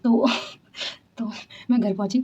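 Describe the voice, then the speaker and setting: A young woman vlogger from Delhi, telling a personal story to camera in a chatty, animated way at home at night. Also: mid-range voice, slow. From Delhi, India. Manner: chatty, animated, often says "theek hai". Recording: dull lo-fi home recording.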